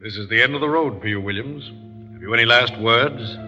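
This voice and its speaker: An actor playing a solemn, stern prison warden, grave and formal, in old radio drama on a muffled, reverberant recording. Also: male voice, mid-range voice, a little fast, sharp tone, soft background music. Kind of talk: 1930s-40s radio drama acting.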